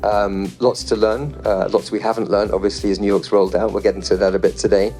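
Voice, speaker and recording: Guy moderating a panel, lowish voice, chatty, reading stats off his phone, faint music behind. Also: quick pace. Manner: relaxed and chatty, reading statistics off a phone with light jokes. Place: panel event in front of a live audience.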